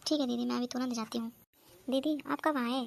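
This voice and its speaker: A woman's voice: fairly high pitch, steady tone, a little fast, vocal fry. A woman voicing an eager, obedient young sister-in-law. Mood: eager, polite. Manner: polite, eager to please.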